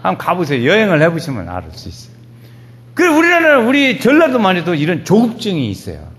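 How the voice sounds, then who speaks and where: Animated pastor with lively pitch. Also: male voice, quick pace. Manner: animated, folksy storytelling with sudden loud rises. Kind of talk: sermon.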